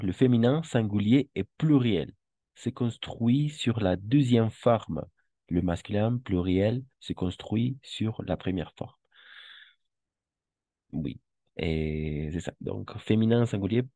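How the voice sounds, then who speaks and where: Recorded with no echo, this is a French class led by a man with a lowish voice and dark tone. His delivery is slow and patient, and he repeats words so the class can drill them.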